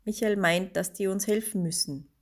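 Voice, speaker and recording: A woman voicing a distraught young mother, tearful and pleading, her voice raised and higher. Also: fairly even intonation, normal speed, close to an everyday voice. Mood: tearful, anxious.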